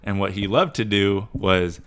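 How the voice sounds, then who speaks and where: A man's voice: fairly low pitch, measured pace, fairly bright tone, clean tone. A young man co-hosting a podcast, telling a story in a loose, rambling way full of fillers. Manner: rambling, lots of "like" fillers, laughs through his story. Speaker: podcast co-host. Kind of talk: casual storytelling chat.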